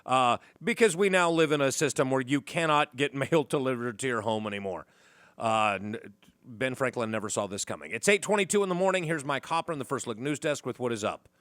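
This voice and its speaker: A man hosting a morning talk radio show, joking wryly and rambling through the day's news with lots of ums and uhs. His voice is close and dry in a studio mic, sitting at an ordinary middle pitch. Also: a little fast, fairly bright tone, no echo. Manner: wry, joking, lots of fillers. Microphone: studio microphone.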